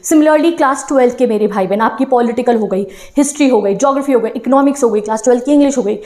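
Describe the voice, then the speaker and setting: A woman's voice: a little high, fast talker, a little mellow. A young woman teacher giving an encouraging talk to exam students, switching between Hindi and English phrases. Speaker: online teacher.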